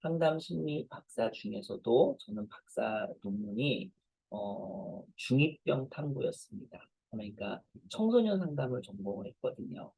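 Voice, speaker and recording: A man's voice: medium pitch, sing-song, normal speed, creaky, warm tone, husky, no room sound, low-quality recording. A man in his forties, a professor, giving a conversational lecture to parents and telling self-deprecating stories.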